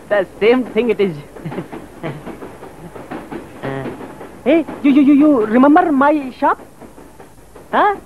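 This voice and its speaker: An overfamiliar shopkeeper who keeps laughing and pestering in halting English. He speaks slowly with a lively, swooping pitch. Faint train noise runs under the old TV sound. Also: phone-quality sound, full character voice. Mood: wheedling. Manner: laughs often, broken English, wheedling. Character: chatty pushy male shopkeeper, giggly and overfamiliar. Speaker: pushy shopkeeper trailing a foreign tourist. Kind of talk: 1980s TV drama acting.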